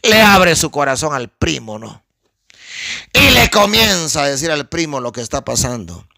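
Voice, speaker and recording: A man's voice: fairly high pitch, normal speed, creaky, no room sound, studio quality. A male pastor, preaching an emphatic, conversational teaching that addresses listeners as sister and brother. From Guatemala. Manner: conversational and animated, asks the audience for help. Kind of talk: sermon teaching.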